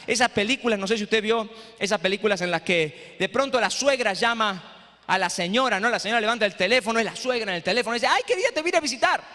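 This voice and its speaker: A man lecturing pastors in a preaching style, lively and rhetorical, often asking the audience "eh?". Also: sits high, quick pace. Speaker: speaker at a training for pastors. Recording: echoey hall.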